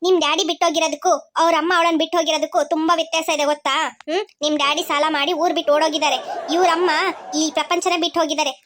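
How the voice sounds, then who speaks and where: A woman's voice: very high voice, fairly even intonation, rapid-fire, a little hiss or hum. A woman as a stern, protective older girl. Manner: firm, scolding. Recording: cartoon with loud music underneath.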